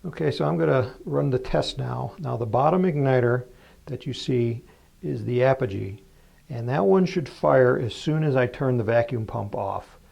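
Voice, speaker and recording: A man's voice: mid-range voice, moderate pace, gravelly, a little mellow, slightly rough. A man presenting a hands-on hobby tutorial in a casual, plain-spoken, explanatory way. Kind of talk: casual hands-on demonstration narration.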